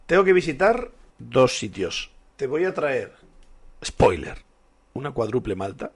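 Casual podcast co-host: man, joking storyteller, mid-pitched, free with swear words. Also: big pitch swings, unhurried, vocal fry, husky. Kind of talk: casual beer-tasting chat.

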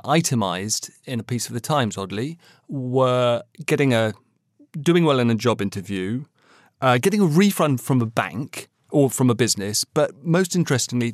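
A man on an editors' panel of a news podcast, explaining stories in a measured, fact-laden way. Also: medium pitch, no room sound, studio quality.

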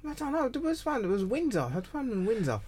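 A man's voice: very high voice, huge pitch swings, fast talker, a little mellow, a little hiss or hum. A man, a comedian guest, talking in a laid-back way and giggling often. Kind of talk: casual banter.

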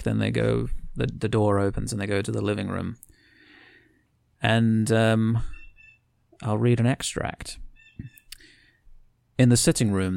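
On a comedy podcast, a male co-host chats loosely before reading a long passage from his own writing, rambling and correcting himself along the way. His voice is lowish and creaky, in a dry recording.

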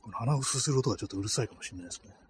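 A man with a medium-pitched, expressive voice talks very fast while hosting a casual solo podcast. He rambles with many fillers, walking a night street with the phone in cold hands. There is faint outdoor street ambience and slight background noise.

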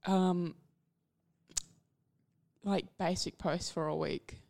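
A woman's voice: fairly low pitch, fairly even intonation, very slow, gravelly, a little mellow. A woman co-hosting a podcast in casual chat, playful and argumentative. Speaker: podcast co-host.

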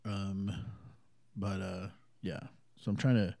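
A man's voice: low-pitched, level tone, takes it slowly, vocal fry, dark tone, no echo. A man hosting his own podcast, rambling casually with lots of fillers and the odd swear word, his voice a little thick from allergies. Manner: rambling, loose and profane, many fillers. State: congested from allergies, slightly thick voice. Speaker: podcast host. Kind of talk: casual solo podcast monologue. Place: small home studio.

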